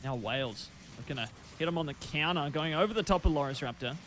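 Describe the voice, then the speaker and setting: Guy casting esports, pretty high voice, jumps in fast and restarts a lot, faint venue hum behind. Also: fairly bright tone. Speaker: esports caster. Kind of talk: esports play-by-play commentary.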